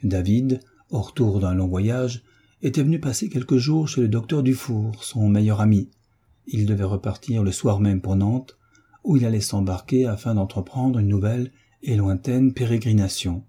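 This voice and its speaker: A man narrating a classic novel as an audiobook, in a measured, even manner. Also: on the low side, slightly rough.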